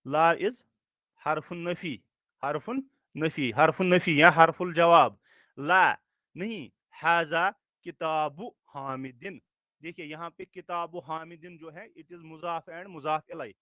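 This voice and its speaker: A man's voice: fairly high pitch, fairly even intonation, takes it slowly, pushed and bright, dry recording. A male teacher gives a recorded lecture in a slightly raised voice. He explains patiently, repeats key words and keeps checking that the class follows. The recording is dull, dry and lo-fi.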